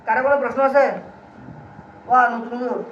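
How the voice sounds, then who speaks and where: A man's voice: extremely high pitch, fairly even intonation, quick pace. Man, classroom teacher, quizzing students, distant mic, dull muffled sound. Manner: keeps quizzing students, call-and-response drilling. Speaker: Urdu grammar teacher. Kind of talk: classroom lecture. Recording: roomy, distant, dull and slightly noisy.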